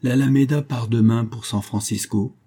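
A man's voice: mid-range voice, fairly even intonation, moderate pace, dark tone, husky. A man voicing a cold, proud, wealthy man who speaks in a dry, clipped way. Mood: cold, curt.

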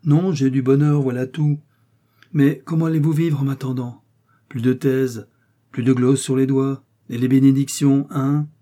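A man's voice: medium pitch, level tone, unhurried, warm tone, pitched above the performer's own voice, natural voice. A man voicing D'Artagnan, a bold, teasing young male musketeer, in a read French novel.

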